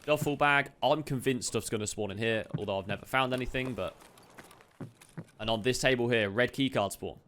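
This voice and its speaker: A little hiss or hum sits under this man's mid-range, slightly bright voice. He is a game streamer giving a loot walkthrough in a chatty, upbeat way, tossing quick asides to viewers. He's a bit chesty and coughs now and then.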